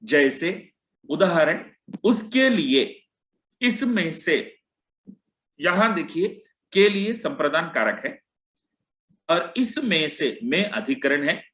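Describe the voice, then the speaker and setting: Male lecturer, slow and deliberate, lively pitch, roomy echo; walks through slides with question-and-answer. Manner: asks rhetorical questions and answers them; deliberate, spells out example words. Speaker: lecturer on Hindi teaching.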